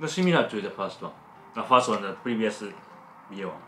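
A man's voice: fairly low pitch, lively intonation, fairly quick, fairly bright tone, slight background noise. A man speaking English with a Japanese accent, co-hosting a food review in short, simple phrases with many hums of agreement. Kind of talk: casual snack-tasting chat. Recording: echoey room.

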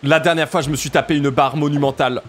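A man with a southern French accent, chatting casually and jokily while playing a game, often jumping up in pitch for emphasis. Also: steady tone, fast talker, a little hiss or hum. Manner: chatty, jokey, jumps to high pitch for emphasis. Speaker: let's play streamer. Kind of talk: casual gameplay commentary.

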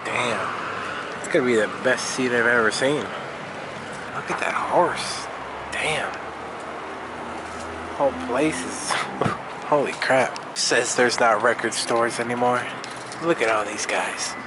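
A man's voice: mid-range voice, takes it slowly, long pauses, heavy background noise. A man with a nasal, stuffy voice from a cold, vlogging in an offhand, mumbling way while sightseeing and in his car. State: sick with a cold. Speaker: travel vlogger. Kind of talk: casual vlog narration. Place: outdoors in town and inside his car.

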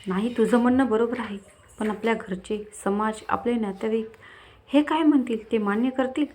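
A woman voicing a worried, loving middle-aged husband who speaks gently and pleads. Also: on the high side, normal speed, slight background noise, natural voice. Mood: coaxing.

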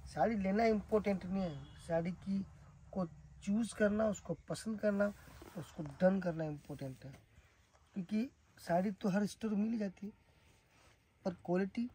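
A man from Rajasthan, giving an emphatic, repetitive sales pitch for the sarees he makes. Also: a little hiss or hum, low-quality recording. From Rajasthan, India. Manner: emphatic, repetitive praise of the goods. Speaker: saree seller and manufacturer. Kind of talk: sales pitch showing products.

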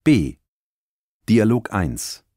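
Male announcer, very slow pace, mellow tone, scripted language-course titles, dry studio sound. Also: on the low side, sing-song, no room sound.

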